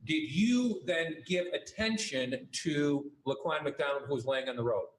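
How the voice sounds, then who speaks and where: A man questioning a witness as an attorney, measured and methodical, heard in a courtroom recording. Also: fairly high pitch, echoey room, a little hiss or hum, low-quality recording. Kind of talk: courtroom examination.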